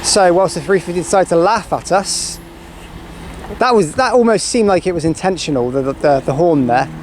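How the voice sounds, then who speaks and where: Outdoors on a railway platform, a man with a fairly high voice keeps up a chatty, casual running commentary at a moderate pace, reeling off train numbers. The recording picks up clear background noise, with trains passing and general outdoor ambience.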